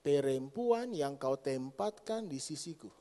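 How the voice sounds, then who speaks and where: A middle-aged man preaching a lively sermon to a congregation as pastor, speaking to them directly. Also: mid-range voice, slow pace. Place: church hall. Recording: long church hall reverb.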